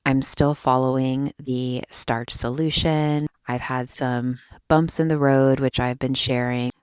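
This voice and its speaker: A young woman talking quietly in a personal vlog, keeping her voice down at night as if someone is asleep nearby. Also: extremely low pitch, steady tone, slow pace, clear, resonant tone, no room sound, clean studio sound. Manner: quiet, hushed night-time talk so as not to wake a sleeper. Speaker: vlogger. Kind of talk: personal vlog talk to camera. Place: closet, small indoor space.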